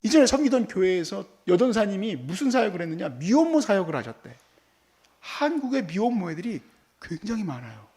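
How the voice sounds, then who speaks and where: A man's voice: sits high, sing-song, brisk, a little mellow. A man preaching a sermon as pastor, telling stories and acting out how he scolds and comforts his child.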